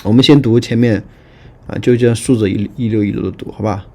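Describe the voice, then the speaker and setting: A man teaching Greek grammar in a lecture, patient and repetitive, often checking that students follow and reading word forms aloud slowly. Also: on the low side, steady tone, vocal fry, a little mellow. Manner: patient, repetitive, frequent fillers and checking questions. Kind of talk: online lecture explaining grammar.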